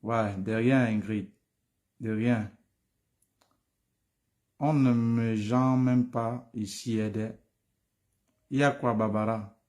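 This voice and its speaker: A man's voice: on the low side, fairly even intonation, slow pace, pauses often, a little mellow. A tired man, advising viewers on studying abroad in a live stream. He speaks familiarly, calls viewers by name and repeats himself.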